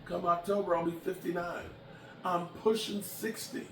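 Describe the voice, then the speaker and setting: A man's voice: sits high, fairly even intonation, normal speed. A man in his late fifties chatting bluntly and emphatically as a sports vlogger, shifting from annoyed to heartfelt. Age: 50s. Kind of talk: casual chat to camera. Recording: echoey room from a distance with background noise.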